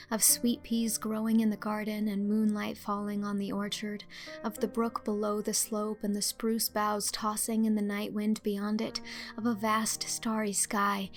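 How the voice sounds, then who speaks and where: A woman with a medium-pitched voice narrates a literary story as an audiobook, her storytelling expressive and clearly phrased.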